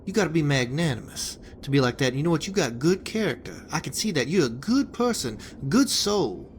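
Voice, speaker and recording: A man's voice: on the high side, very animated, a little fast, a little hiss or hum. A man playing a crude, rambling wasteland hitman boss. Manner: profane, rambling, stammering restarts. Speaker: game character giving a hitman job. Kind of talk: video game dialogue.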